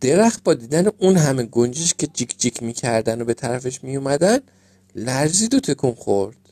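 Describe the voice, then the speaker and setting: A man reading a children's story aloud as storyteller, gentle and measured. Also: medium pitch, very animated, dry recording.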